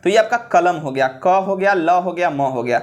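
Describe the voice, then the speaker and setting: Guy teaching script letters, keeps saying theek hai, repeats stuff. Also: high-pitched. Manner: repetitive, checks in with "ठीक है" often; slows down to spell out letters. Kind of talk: classroom-style script lesson.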